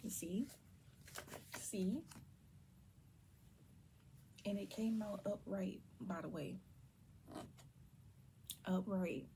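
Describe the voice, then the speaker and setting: A young woman giving a casual tarot reading to viewers, keeping her voice down and slipping between low talk and soft whispers. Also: very slow, vocal fry, long pauses, a little hiss or hum. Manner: holds her voice down on purpose. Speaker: tarot reader.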